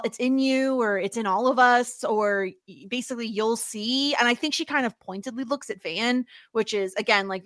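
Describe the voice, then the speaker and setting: Brief: woman podcast host, higher pitch, bright and forceful, chatty filler-heavy talk, dry sound. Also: dry recording. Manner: chatty, full of "like" and "obviously". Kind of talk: casual chat.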